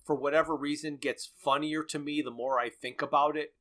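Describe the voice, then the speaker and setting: A man's voice: on the high side, steady tone, a little fast, a bit bright. A man co-hosting a casual podcast, recapping and picking apart a radio series with frequent chuckles. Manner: analytical, recaps plot at length, chuckles often. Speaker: podcast co-host.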